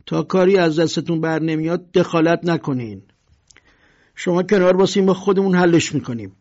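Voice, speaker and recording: A man's voice: on the high side, close to an everyday voice. A man voicing an arrogant neighbourhood tough guy who bullies and barks at a crowd. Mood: bullying. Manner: loud, bullying, swaggering. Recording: dull lo-fi recording.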